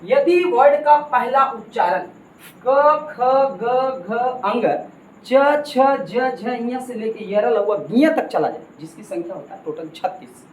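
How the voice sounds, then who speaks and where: A man's voice: very high-pitched, animated, slow. Emphatic male teacher. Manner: emphatic, repeats points, keeps addressing the students as kids. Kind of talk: classroom grammar lesson. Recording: echoey room with faint ambient noise.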